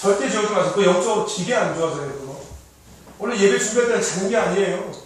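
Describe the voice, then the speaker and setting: High-voiced man preaching in an echoey hall. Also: expressive, quick pace. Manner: preachy, calls out amen, quizzes listeners. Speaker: youth pastor. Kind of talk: sermon to youth. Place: church worship hall. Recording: echoey hall, distant mic, faint noise.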